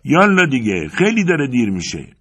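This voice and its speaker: A man voicing an eager young male mountain climber who urges his companion on with brisk calls. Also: sits low, very animated, vocal fry, a little mellow, breathy edge, full character voice. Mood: urging. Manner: urging, brisk, calling out.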